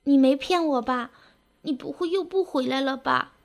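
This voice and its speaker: A woman voicing a young lovesick village girl who clings and pleads in a high, tearful voice. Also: expressive, measured pace. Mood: anxious.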